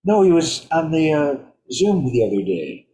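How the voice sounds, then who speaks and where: A man's voice: fairly high pitch, sing-song, normal speed, dark tone. A man in casual chat, telling stories about his gigs and chuckling as he goes. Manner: storytelling, chuckling. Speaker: guest musician. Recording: roomy echo.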